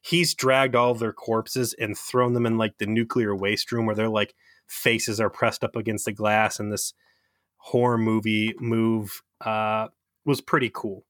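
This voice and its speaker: A man's voice: lowish voice, level tone, measured pace, a bit bright, no room sound, studio quality. A man co-hosting a podcast, chatting casually about a TV episode, swearing and laughing as he acts out lines. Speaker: podcast co-host. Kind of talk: casual chat recapping a TV episode.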